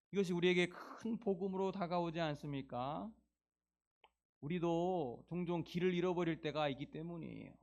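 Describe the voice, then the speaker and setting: Emotive male preacher with a high voice. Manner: emotive, rhetorical questions to the congregation. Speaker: pastor. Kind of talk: sermon.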